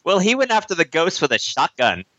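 A man's voice: on the high side, very animated, a little fast, pushed and bright, no echo, lo-fi sound. A man co-hosting a movie discussion, joking casually with a wry manner. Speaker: co-host of a comedic movie discussion show.

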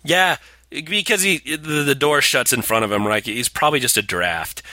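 A man's voice: medium pitch, normal speed, pushed and bright, no echo, clean studio sound. A man co-hosting a movie discussion, bantering casually in a sarcastic, mocking way. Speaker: co-host of a comedic movie discussion show.

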